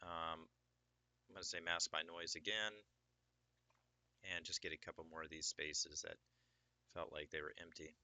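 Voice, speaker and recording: A man giving a relaxed, explanatory software sculpting tutorial with plenty of fillers, recorded at a desk microphone. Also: very deep voice, normal speed, pauses often, no room sound. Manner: casual, explanatory, many fillers. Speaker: 3D sculpting instructor.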